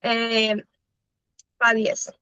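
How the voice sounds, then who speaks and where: A woman's voice: on the high side, completely flat delivery, extremely slow, sharp tone, clean tone, no room sound. A young Chilean woman, a native Spanish speaker, answers interview questions in English with a Chilean Spanish accent, thinking aloud with frequent "eh" fillers. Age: young adult. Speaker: interviewee, law student. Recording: dry, slightly dull lo-fi recording.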